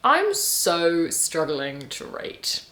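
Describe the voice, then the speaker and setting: A woman's voice: on the low side, huge pitch swings, extremely slow, fairly bright tone. A woman, chatting casually and rambling through a reading vlog with lots of fillers. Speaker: book vlogger.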